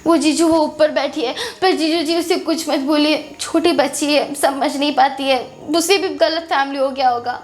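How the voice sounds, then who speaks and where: A woman voicing a gentle middle-aged aunt who soothes and defends her niece in a doll story. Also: sits high, steady tone, normal speed, hardly any pauses, lightly acted. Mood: worried. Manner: soft, placating.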